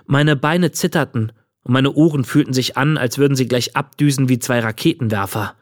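A man's voice: mid-range voice, moderate pace, dry recording, studio quality. A man narrating an audiobook in the first person, telling the story plainly. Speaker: audiobook reader.

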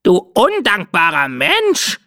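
A woman voicing a vain, theatrical female red bird messenger with a shrill, drawn-out voice in an audiobook. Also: huge pitch swings, bright, forceful tone, no echo, clean studio sound, heavily acted. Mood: whining. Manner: drawn-out, self-pitying. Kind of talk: audiobook character voice.

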